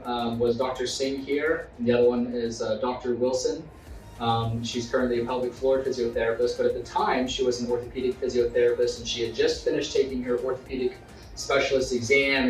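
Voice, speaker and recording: A man who teaches physiotherapy, talking earnestly in a casual interview with some filler words. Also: mid-range voice. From Zimbabwe. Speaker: physiotherapy course instructor. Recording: roomy room, distant mic, faint music.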